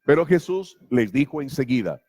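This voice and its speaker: A man's voice: medium pitch, sing-song, normal speed, mellow. A man preaching a sermon as pastor, emphatic and full of rhetorical questions. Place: church.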